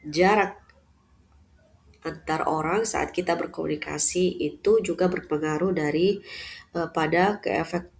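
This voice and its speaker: A woman lecturing at an unhurried pace, her voice sitting slightly low. She moves through her points with filler pauses and "ya" tags at the ends of phrases. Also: gravelly, slight background noise. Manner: measured, with frequent "eh" fillers and "ya" tags. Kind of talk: unscripted lecture.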